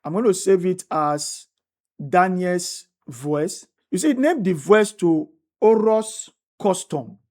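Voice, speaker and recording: Slow and animated, with a low, darkish voice, a woman leads a step-by-step screen-recorded tutorial. As the instructor, she restates every step and keeps checking in by asking "right?"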